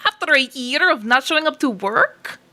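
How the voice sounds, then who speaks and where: A woman's voice: high-pitched, animated, moderate pace, bright, forceful tone. A woman playing a tabletop game, talking casually as herself and as her character.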